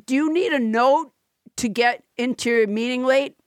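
A woman's voice: high voice, normal speed, smooth, dry recording, clean studio sound. A woman hosting a comedy show in casual, joking chat.

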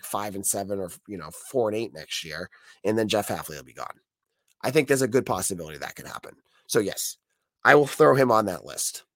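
Hoarse, croaky American man hosting sports podcast. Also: lowish voice, a bit bright, no room sound. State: sick, hoarse voice. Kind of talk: solo sports commentary, conversational.

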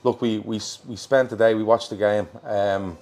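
Broadcasting a football show from a pub in Liverpool, the Irish host keeps things chatty and matey, like a casual live chat. He speaks at a normal pace in a low, darkish voice with a steady tone, recorded on a worn mic.

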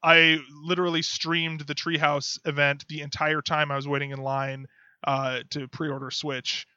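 A man's voice: a little high, level tone, moderate pace, bright, forceful tone, clean tone, no room sound. A man hosting a podcast, chatting casually and telling stories with a laugh. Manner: chatty storyteller, laughs often. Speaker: podcast host. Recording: dull lo-fi audio, dry.

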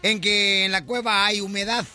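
A man's voice: high-pitched, level tone, sharp tone, soft background music. A man hosting a radio comedy show, playful and teasing as he trades jokes. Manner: playful, teasing, quick to laugh.

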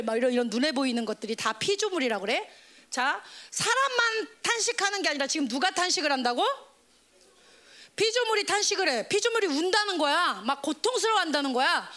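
A woman preaching an animated sermon, firing quick questions at her listeners and acting out voices. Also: high voice. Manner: animated, acts out nature crying and shouting in voices; asks the audience quick questions. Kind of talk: lively sermon to young people.

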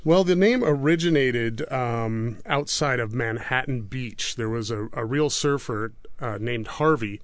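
A man being interviewed on a radio show, relaxed and explanatory as he tells a story. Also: mid-range voice, a little slow, hardly any pauses, no room sound. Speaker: guest, spirits brand regional manager. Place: radio studio.

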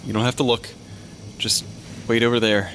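A man's voice: medium pitch, level tone, moderate pace, fairly bright tone, a little hiss or hum, close to an everyday voice. A man playing a weary, matter-of-fact medical examiner who talks to ghosts in an audio drama. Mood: apologetic, reassuring. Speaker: pathologist.

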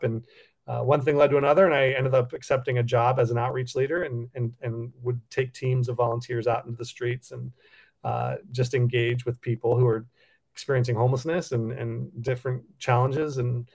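A man from Cameroon speaks in a steady, flat tone as a podcast guest. He thinks as he goes, with frequent ums and false starts. His voice sits at a middle pitch. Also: creaky. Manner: reflective, many ums and restarts. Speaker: nonprofit CEO, podcast guest. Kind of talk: casual interview answers.

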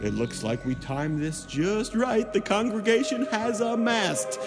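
A man's voice: high voice, animated, measured pace. A man playing a gleefully macabre horror radio host, in the theatrical, ghoulish manner of a vintage horror narrator. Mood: sly. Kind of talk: scripted vintage-style horror radio monologue. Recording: loud music under the voice. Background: loud music.

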